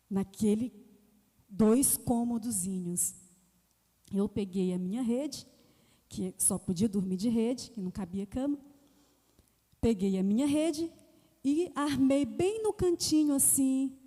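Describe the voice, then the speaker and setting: A woman giving a testimony in a sermon, telling a story in a relaxed, conversational way with frequent fillers. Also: fairly high pitch. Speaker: church speaker giving a testimony. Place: church hall. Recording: long church hall reverb.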